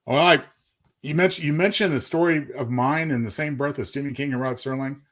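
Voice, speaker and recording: During a relaxed live chat, a short story author co-hosting the show talks about his work, polite and a touch formal yet conversational. His mid-range voice sounds brisk and a little bright.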